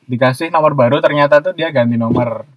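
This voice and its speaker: A man's voice: fairly high pitch, a little fast, no room sound, poor audio. A man casually recounting a personal story in a rambling way, full of fillers. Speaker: storyteller guest. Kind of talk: casual chat.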